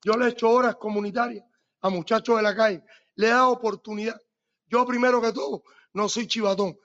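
A man's voice: sits high, fairly even intonation, brisk, fairly bright tone, dull audio. A middle-aged Cuban man, a boxing coach with a Cuban accent, arguing emphatically in a heated debate and repeating short phrases. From Cuba.

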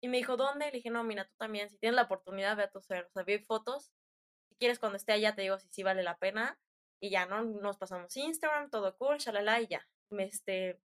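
Speaking a little fast at medium pitch, a young adult woman with a Mexican accent tells stories in a loose, chatty way. It's slangy, animated storytelling where she acts out the dialogue.

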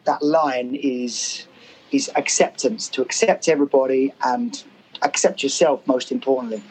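A man speaking as a guest author in a podcast interview, his voice croaky from performing, hesitant and full of ums and repeated words. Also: medium pitch, fairly even intonation, normal speed, darkish tone, poor audio. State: croaky voice after a gig. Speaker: guest, author and working musician.

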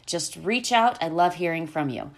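A woman's voice: on the low side, animated, normal speed. A woman hosting a podcast, talking in a conversational way straight to her listeners. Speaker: podcast host.

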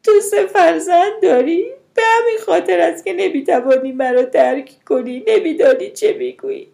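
A woman voicing a desperate young mother who pleads in a tearful, wailing, high-pitched voice. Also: gravelly, dark tone. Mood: distraught.

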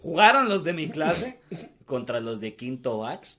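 A man's voice: a little high, big pitch swings, unhurried, a crowd in the background. A young man, telling crude jokes and stories in a casual podcast chat. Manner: crude, joking storyteller, laughs often. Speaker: podcast co-host.

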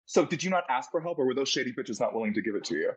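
A man's voice: medium pitch, animated, very fast, slightly rough, dry recording, low-quality recording. A man hosting a recap podcast, talking in a campy, sassy, upbeat way. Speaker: podcast host. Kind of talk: casual recap chat.

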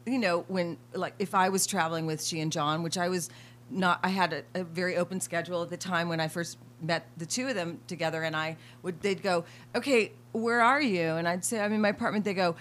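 A woman's voice: lowish voice, fairly quick, a little hiss or hum. A woman, a former dancer, telling funny stories in a casual chat with friends, laughing as she goes. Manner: animated, laughing through anecdotes. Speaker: friend sharing memories.

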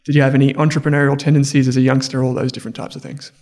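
A man's voice: medium pitch, level tone, racing, darkish tone. A man hosting an investing podcast interview, talking in a casual, chatty way with restarts. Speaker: podcast host.

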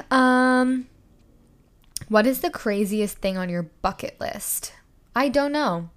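A woman's voice: fairly high pitch, lively intonation, slow. A young woman hosting a casual solo podcast, chatty and giggly, stumbling over words as she reads out questions. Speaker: podcast host.

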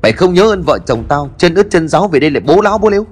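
A man voicing an arrogant older brother who shouts at him rapidly. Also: mid-range voice, husky. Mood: angry.

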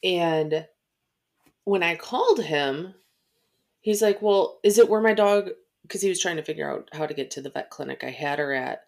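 Female podcast co-host, low pitch, chatty storyteller. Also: expressive, moderate pace, vocal fry. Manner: chatty, retells conversations with quoted lines. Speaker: podcast co-host, animal control officer. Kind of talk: casual podcast chat, storytelling.

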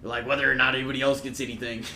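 Male podcast host, bright forceful tone, laid-back rambling chat, echoey room. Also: mid-range voice, level tone, racing. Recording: echoey room, faint background noise.

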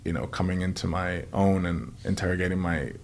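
A young man from Trinidad and Tobago, a guest actor telling stories in a podcast interview, animated and building tales with repetition. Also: low-pitched, a little fast, gravelly, a little hiss or hum.

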